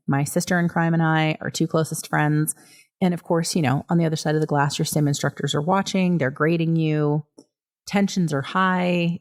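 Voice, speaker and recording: Deep-voiced woman with lots of vocal fry, chatty podcast storyteller, kinda amused, lots of um and you know. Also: darkish tone. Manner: chatty, amused anecdotal storytelling with many fillers. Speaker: podcast host, nurse educator. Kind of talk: casual storytelling.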